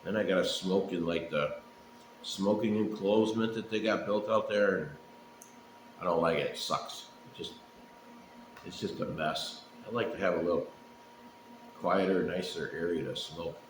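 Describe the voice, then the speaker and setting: A deep-voiced, middle-aged man who vlogs while smoking a pipe rambles casually on his own. He's laid-back and profane, unhurried, with frequent pauses. The room is echoey, with faint background noise.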